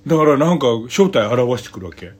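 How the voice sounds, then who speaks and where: Tokyo guy hosting a podcast, fast and bouncy, jokey mock rants. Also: mid-range voice, slightly rough. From Tokyo area. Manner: animated, playful exaggeration, mock rants. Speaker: podcast host. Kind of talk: casual comedic chat.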